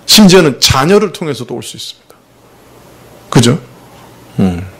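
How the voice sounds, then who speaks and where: A man's voice: medium pitch, sing-song, normal speed, husky. A man preaching a sermon as pastor in a conversational way, drawing the congregation in with rhetorical questions and using himself as the example. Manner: confessional, uses himself as the example.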